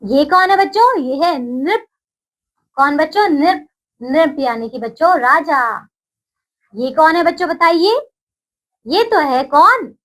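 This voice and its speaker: A woman teaching a Hindi lesson to young children, slow and sing-song, stretching each new word with a lift in her voice. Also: high-pitched, expressive, a bit bright, low-quality recording. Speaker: primary school Hindi teacher.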